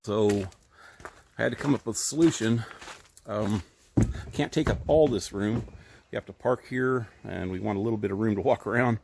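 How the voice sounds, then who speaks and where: At an RV park set among trees, a man who does woodworking as a hobby shows off his small outdoor shop on a handheld camera, rambling and correcting himself with plenty of ums. His voice is on the low side with vocal fry, at a normal pace with frequent pauses, and he's slightly winded. The background is noisy.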